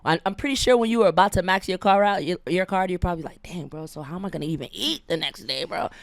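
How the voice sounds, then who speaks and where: A woman's voice: on the low side, fast talker, creaky, no echo, studio quality. A woman from New York hosting a casual interview, talking in hype street slang with emphatic delivery. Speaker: host.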